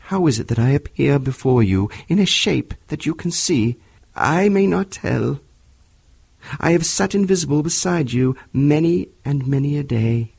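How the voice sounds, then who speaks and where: A man voicing the mournful, stern ghost of a dead miser, declaiming slowly with anguish. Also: a little high, expressive, gravelly, a little mellow, slightly rough, no room sound, exaggerated voice. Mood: solemn.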